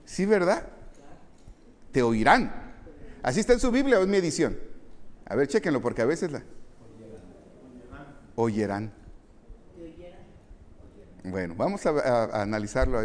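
Animated male preacher in a reverberant hall. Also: mid-range voice. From foreign-born, moved to Mexico. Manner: animated, jokes with the congregation. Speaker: pastor. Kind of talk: sermon. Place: church hall.

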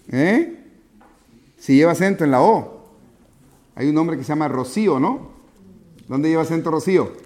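In a slightly high, mellow voice, a man teaches children a Bible class, questioning them patiently and addressing pupils by name in an interactive lesson.

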